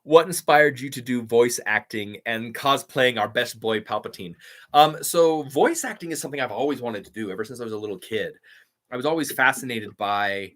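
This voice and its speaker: Reading viewers' comments during a live stream, this man, a voice actor and YouTuber, speaks at medium pitch with a slightly bright sound. He stays upbeat and chatty, laughing easily.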